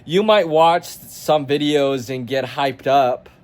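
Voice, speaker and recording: A nineteen-year-old self-improvement vlogger with a voice on the high side speaks slowly as he rants to camera. His motivational tirade is blunt, profane and confrontational toward the viewer.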